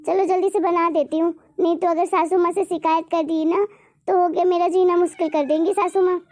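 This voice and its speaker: A woman's voice: very high voice, steady tone, a little fast. A woman voicing an anxious young daughter-in-law who apologizes and tries to please. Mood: worried. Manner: soft, apologetic.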